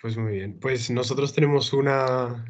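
A man's voice: medium pitch, normal speed, muffled recording. A young man telling a funny story in casual chat, hesitant and full of fillers.

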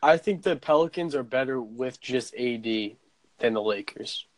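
A man's voice: mid-range voice, normal speed, no echo. A young man co-hosting a casual sports podcast, giving short, confident opinions. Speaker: podcast co-host.

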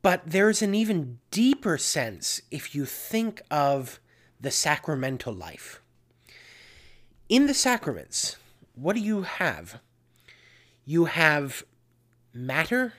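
Slow, earnest spiritual reflection speaker. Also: medium pitch. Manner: slow, earnest, repeats key phrases.

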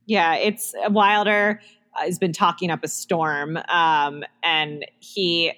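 A woman's voice: on the low side, steady tone, takes it slowly, a bit bright. A woman in her thirties co-hosting a podcast, chatting casually and laughing often, with plenty of likes and ums. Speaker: podcast co-host. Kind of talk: casual chat.

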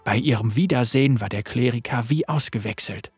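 Husky voice, dry close sound, faint music, measured dramatic story narration. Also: medium pitch, no room sound.

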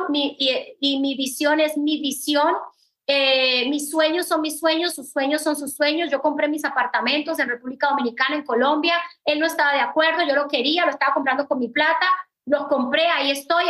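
A woman's voice: high-pitched, a bit bright, rough recording. A middle-aged woman giving a mentoring talk, emphatic and repetitive, speaking straight to her listeners. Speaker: mentor in a network-marketing business. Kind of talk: mentoring talk, personal advice.

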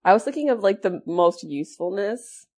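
A woman co-hosting a casual podcast, teasing the others and cutting in with quick remarks. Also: mid-range voice, lively intonation, a little mellow. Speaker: podcast co-host. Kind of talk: casual chat.

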